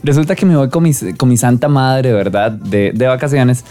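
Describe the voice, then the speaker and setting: A young man with a Costa Rican accent, chatting casually as a podcast co-host and telling animated stories through bursts of laughter. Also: medium pitch, normal speed, soft background music. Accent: Costa Rican Spanish. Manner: animated storytelling with frequent laughs. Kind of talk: casual chat.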